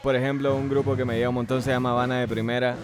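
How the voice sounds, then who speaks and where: Young man, Guatemalan Spanish accent, musician guest, relaxed, slangy, hesitant, soft music behind. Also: mid-range voice, very fast. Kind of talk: casual interview chat.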